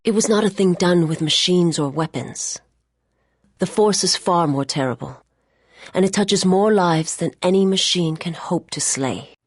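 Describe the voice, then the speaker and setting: An actress playing an old, wise female mystic who speaks gravely and slowly. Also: lowish voice, no echo, clean studio sound. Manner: grave, slow, turning to a whisper.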